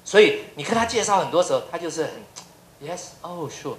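Animated male lecturer in a roomy hall. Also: high voice, rapid-fire. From Taiwan. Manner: humorous storyteller, many rhetorical questions. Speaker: university professor giving a public lecture. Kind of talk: lively lecture with anecdotes.

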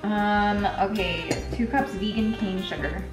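A woman's voice: medium pitch, a little slow, far from the mic. A young woman, giggly, tipsy and sweary, bantering casually and reading aloud as co-host of a home cooking vlog. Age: young adult. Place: home kitchen, indoors. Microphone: camera mic at a distance. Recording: echoey kitchen, off mic, music. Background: background music.

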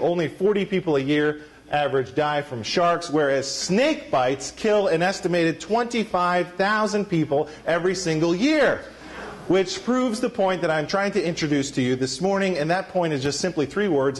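High-voiced playful preacher. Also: male voice. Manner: playful, joking with the congregation. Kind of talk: sermon. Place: church sanctuary.

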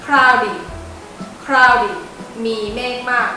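A woman teacher giving a playful vocabulary lesson for children, acting out little skits and spelling words slowly. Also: a little high, sharp tone. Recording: echoey, recorded from a distance, faint music.

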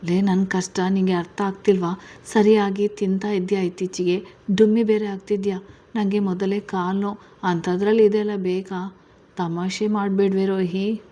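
A woman's voice: mid-range voice, level tone, moderate pace, warm tone, lightly acted. A woman voicing a fussy, teasing middle-aged father in a spoken family story.

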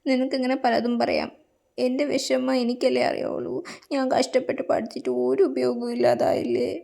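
Woman, gravelly voice, comic classroom sketch, quick character switches. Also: sits high, flat delivery, warm tone. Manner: plays every student in turn, quick shifts of voice. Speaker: comedy sketch creator.

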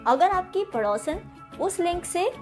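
High-voiced woman explaining to camera. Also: big pitch swings, a little slow, faint music behind. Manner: friendly, direct address with frequent fillers. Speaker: channel host explaining online selling. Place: indoor room with bookshelves.

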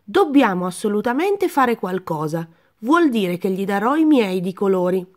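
A woman voicing a kind, generous male elephant in a children's storybook reading, in a lively, slightly raised voice. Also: medium pitch, moderate pace, close to an everyday voice. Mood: eager.

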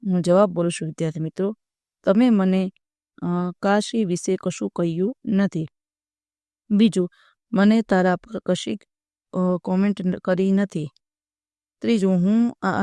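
A teacher dictating workbook answers to students in a recorded video lesson, reading word lists at a steady pace. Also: medium pitch, clean tone, no echo.

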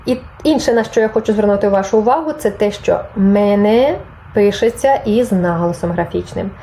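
A woman's voice: medium pitch, brisk, dark tone, poor audio. A woman teaching a Spanish grammar lesson, patiently explaining and reading example phrases aloud, then translating them. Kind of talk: online language lesson.

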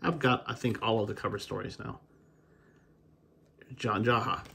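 Gravelly and fairly low, this man's voice has a sharp tone, a breathy edge and a moderate pace. The American baseball card collector hosts videos, offering loose, unscripted commentary as he opens packs and rambling somewhat while thinking aloud.

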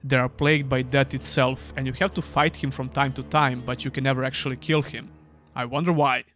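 A man's voice: mid-range voice, flat delivery, a little fast. A young man giving a scripted, dryly sarcastic voice-over review of an old game. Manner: dry, sarcastic. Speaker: gaming YouTuber.

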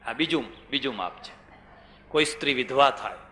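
A man's voice: mid-range voice, expressive, fairly quick, bright, forceful tone. An older man with a Gujarati accent giving a religious discourse, telling stories, asking rhetorical questions and repeating phrases for emphasis. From India. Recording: echoey hall with long reverb.

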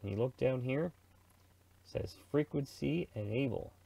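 In this casual screen-recorded tutorial on radio software, a middle-aged man from Canada rambles informally and slangily, thinking aloud as he works. He talks at normal speed in a mellow mid-range voice with vocal fry, and the audio quality is poor.

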